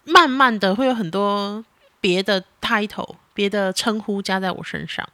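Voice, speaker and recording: A woman, chatting casually on a podcast as a mother talking with her child, animated and exasperated in a teasing way. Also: medium pitch, normal speed, no room sound.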